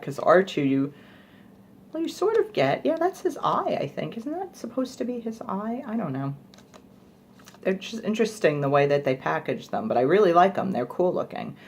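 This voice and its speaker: A woman's voice: deep voice, a little mellow, slight background noise. A young woman chatting casually through a product review, rambling with fillers like "like" and "you know". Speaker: beauty vlogger.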